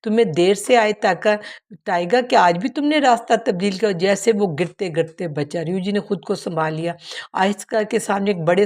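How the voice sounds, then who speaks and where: Woman narrating an audiobook. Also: on the low side. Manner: steady storytelling, occasional self-corrections.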